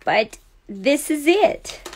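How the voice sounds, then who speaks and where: A high-pitched woman hosts a relaxed card-making livestream from her desk. She talks slowly and chats as she works, thinking aloud and laughing easily. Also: low-quality recording. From Serbia. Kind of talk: casual craft demo livestream. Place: craft desk indoors. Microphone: overhead camera on desk.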